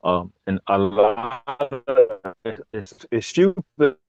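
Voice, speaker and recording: A man's voice: lowish voice, animated, slow pace, a little mellow, no echo, muffled recording. A man talking as a guest over a remote call whose connection keeps breaking up, rambling and restarting his words. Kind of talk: casual conversation.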